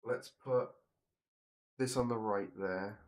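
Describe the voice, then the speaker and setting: A man's voice: lowish voice, steady tone, slow. A man live-streaming his coding session, thinking aloud in a self-deprecating way, his voice slightly worn, speaking into a desk microphone at his computer. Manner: self-deprecating, muttering to himself while working. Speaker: game developer streamer.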